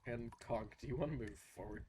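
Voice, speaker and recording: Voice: mid-range voice, fairly quick, heavy background noise. A game master narrating a tabletop game in virtual reality, giggly and scattered, breaking into laughter often.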